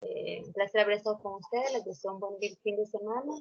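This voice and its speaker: Her voice is mid-range and gravelly, and she moves briskly through her virtual class. Speaking into a computer mic that gives a dry, dull, lo-fi sound with no echo, the teacher patiently goes over instructions again and checks on her students.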